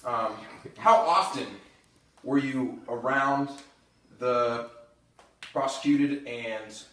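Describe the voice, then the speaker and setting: A man's voice: medium pitch, drawn-out words, fairly bright tone. A young man questioning a witness in a mock trial, in a mock-formal, stumbling way. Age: young adult. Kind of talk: improvised comedy sketch. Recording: very echoey room, distant mic.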